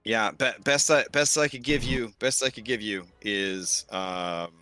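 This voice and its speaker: A man's voice: on the low side, a little slow, pushed and bright, dry recording, soft background music. A man as game master, casually narrating a tabletop role-playing game and calling for rolls.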